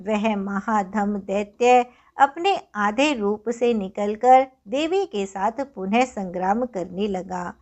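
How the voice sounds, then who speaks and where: A woman narrating a scripture story as a devotional reader, with measured, solemn recitation. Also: medium pitch, muffled recording.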